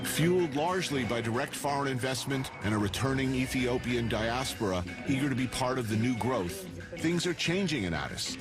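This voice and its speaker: A man's voice: mid-range voice, expressive, normal speed. A man narrating a travel documentary as a scripted voice-over, with a dry, wry delivery. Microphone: studio voice-over. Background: guitar music.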